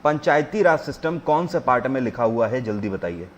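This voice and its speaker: A man teaching a live online quiz class, reading each question out slowly, then explaining it and pressing viewers to answer, mixing English terms into his Hindi. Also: medium pitch, animated, muffled recording, a little hiss or hum.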